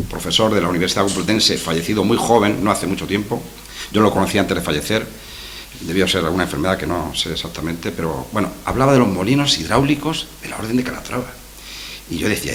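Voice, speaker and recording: In a conference room with a projection screen, a man from La Mancha, Spain, delivers a history lecture as a conference talk. His voice is fairly low, with slight background noise, and he speaks hesitantly, repeating words and ending asides with "¿verdad?".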